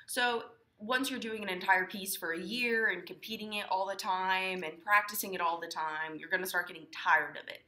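A teenage girl with a bright, forceful voice talks through her speech-team event in a loose, chatty way. She fills her sentences with ums and likes. The room gives her voice a noticeable echo. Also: medium pitch, normal speed, hardly any pauses. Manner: chatty, many fillers like um and like. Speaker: student competitor explaining dramatic interpretation. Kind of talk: casual instructional talk.

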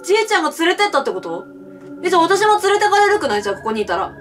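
A woman streamer playing a horror game, commenting with excitable, frightened reactions and shouts. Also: extremely high pitch, very fast, distant mic, soft background music. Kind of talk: let's play commentary.

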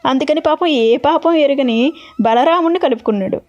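High-voiced woman telling a devotional story. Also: normal speed, muffled recording. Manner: animated, expressive retelling.

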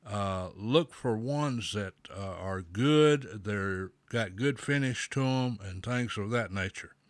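Slow low-voiced man talking around a pipe. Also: dry recording. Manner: slow, homespun, folksy advice. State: pipe in mouth. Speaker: host of a pipe smoking show. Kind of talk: casual talk to camera.

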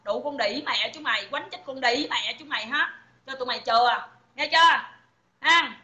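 Her voice sits high and moves at a moderate pace, captured with reverb and cut-off highs. She's a Southern Vietnamese-accented woman screaming insults and profanity at her audience during an angry phone livestream, taunting them throughout.

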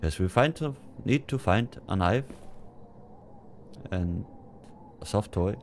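A man's voice: lowish voice, lively intonation, slow pace, a little hiss or hum. A man casually commenting as he plays a horror game, muttering to himself with jumpy, nervous asides. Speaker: let's play gamer.

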